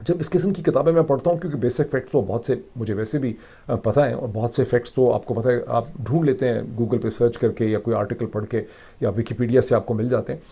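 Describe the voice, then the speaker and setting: A man's voice: medium pitch, fast, dark tone, husky. A middle-aged man from Pakistan with a Pakistani Urdu accent, hosting a solo political commentary and explaining events emphatically, slipping English phrases into his Urdu. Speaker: political analyst and host.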